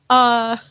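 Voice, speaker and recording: A woman's voice: fairly high pitch, bright, forceful tone, smooth, low-quality recording. A young woman, a model, chatting casually as an interview guest, rambling with many fillers.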